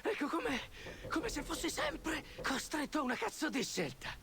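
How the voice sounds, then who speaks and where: An actor playing a volatile, unhinged male pirate leader who taunts and erupts into shouting. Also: very high voice, very animated, moderate pace, crowd noise, full character voice. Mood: ranting. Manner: menacing, erratic, swings into shouting. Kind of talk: game cutscene acting.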